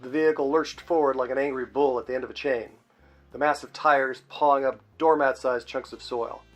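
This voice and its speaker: A man's voice: medium pitch, steady tone, moderate pace, soft background music. A man reading his own short story aloud in a plain, wry narrating manner.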